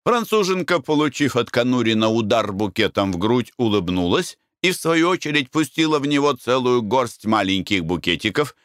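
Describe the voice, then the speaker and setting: A man narrating an audiobook story in a measured, expressive reading. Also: mid-range voice, no echo, clean studio sound.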